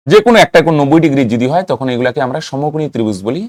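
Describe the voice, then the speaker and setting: A man's voice: mid-range voice, animated, racing, a little mellow, no echo, clean studio sound. A man teaching a math lesson, often asking students questions and chanting rhyming memory aids. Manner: rhythmic mnemonic chanting, asks students questions. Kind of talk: classroom lesson.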